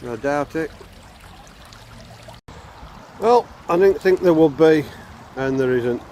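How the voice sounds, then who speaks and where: Loud wind noise, Northern English man, slightly high voice, raised over the wind, casual vlog commentary, outdoors. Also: normal speed. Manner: raising his voice over wind. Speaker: vlogger. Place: outdoors by a river.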